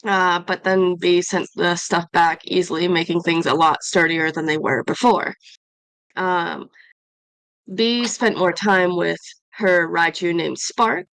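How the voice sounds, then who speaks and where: Gravelly, low-voiced woman rambling a recap. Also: fairly bright tone, no room sound, rough recording. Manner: rambling, many fillers and self-corrections. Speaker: tabletop game player. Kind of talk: casual session recap. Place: home.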